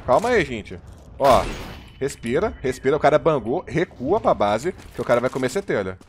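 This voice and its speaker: A man's voice: mid-range voice, very animated, normal speed, a little hiss or hum. A man with a Brazilian Portuguese accent, giving hyped, slang-filled live commentary as he plays a shooter and calls plays to his teammates. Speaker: gaming streamer.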